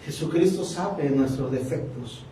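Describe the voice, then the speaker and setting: Preacher guy, highish voice, really echoey hall, kinda far from the mic, faint hum behind. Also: unhurried, warm tone. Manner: impassioned preaching, acting out quoted dialogue. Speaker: pastor. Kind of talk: sermon.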